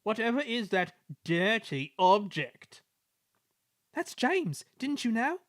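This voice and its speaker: A man's voice: high-pitched, big pitch swings, slow, fairly bright tone, no echo, studio quality, voice pushed up, exaggerated voice. A man voicing a small, innocent, polite male tram engine who speaks thoughtfully, in a storybook reading.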